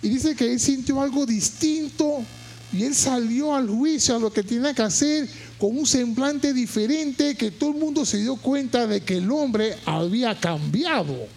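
A man preaching a sermon, moving from quiet storytelling to shouted, impassioned high points and repeating phrases for emphasis. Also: expressive, moderate pace, creaky, slight background noise. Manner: repeats words and phrases while telling a story.

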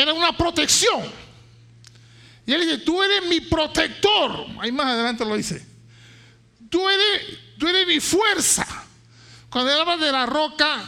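A man preaching a sermon to his church, building from explanation into impassioned, shouted declarations, with frequent stammered restarts. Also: very high voice.

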